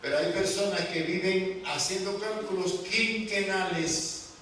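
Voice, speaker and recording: A man preaching a sermon at a slow, deliberate pace, his voice a little high for a man. He presses his points with rhetorical questions to the congregation. He is picked up from a distance in a very echoey church hall, with faint background noise. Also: steady tone, sharp tone.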